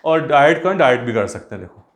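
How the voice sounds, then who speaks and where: A man's voice: mid-range voice, animated, rapid-fire, echoey room. A man teaching a math class online, switching between Hindi and English, calling the students "beta" as he writes out the working. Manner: mixes Hindi and English, addresses students as beta, talks while writing.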